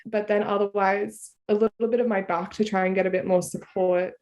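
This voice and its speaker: Talking fairly quickly in a flat, slightly mellow, medium-pitched voice, an Australian podcast guest chats casually over video call. The interview is relaxed and conversational, and she laughs easily and peppers her speech with "like."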